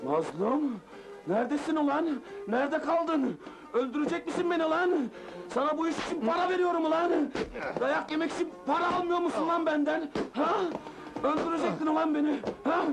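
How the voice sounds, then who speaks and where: A hot-tempered nightclub boss. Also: male voice, high-pitched, a little fast, vocal fry, over music, poor audio. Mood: raging. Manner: shouting, volatile, melodramatic.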